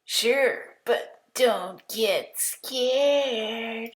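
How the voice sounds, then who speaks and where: A woman's voice: fairly high pitch, extremely slow, reverberant, pitched above the performer's own voice. A woman voicing a sassy girl monster who snaps and sniffs, reading a storybook aloud. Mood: teasing. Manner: snappy, indignant. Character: sassy girl monster with a bow, quick to snap.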